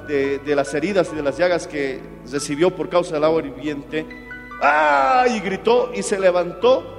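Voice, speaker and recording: High-voiced pastor preaching with drama. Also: male voice, big-room sound. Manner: dramatic storytelling, acting out quotes, calls listeners "my brother". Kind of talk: sermon.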